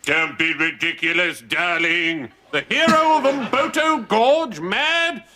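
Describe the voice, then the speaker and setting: An actor playing a pompous, blustering old general with loud braying laughs, in a TV comedy clip played back with noise behind. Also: male voice, sits high, slow, exaggerated voice.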